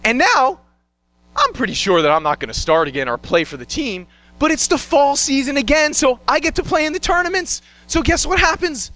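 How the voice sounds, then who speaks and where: High, bright young man telling a story. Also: brisk, no echo. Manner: animated, acts out scenes and voices. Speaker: solo stage performer. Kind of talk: one-man show storytelling.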